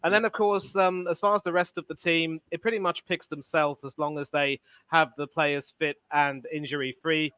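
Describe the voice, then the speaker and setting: A man's voice: on the high side, steady tone, moderate pace, few pauses, sharp tone, clean tone, dry recording. A man hosting a casual football discussion, opinionated and full of fillers. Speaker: podcast host.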